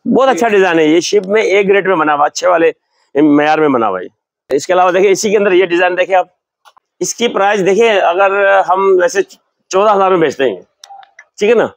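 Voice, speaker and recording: Here an older man from Pakistan runs a sales demonstration in his big leather shop, explaining each item as he shows it off. Recorded on a lapel mic, his high-sitting voice comes across with no echo.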